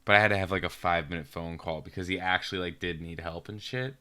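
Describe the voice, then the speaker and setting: A man's voice: deep voice, steady tone, fast, sharp tone, smooth. A young American man in casual podcast chat, rambling and swearing freely as he tells stories. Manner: loose, profane, rambling storyteller. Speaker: podcast co-host.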